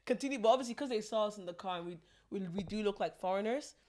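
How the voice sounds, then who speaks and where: A young woman talks easily as a podcast co-host in a middle-pitched voice. Her slangy storytelling is relaxed and full of laughter. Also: fast talker. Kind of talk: casual chat.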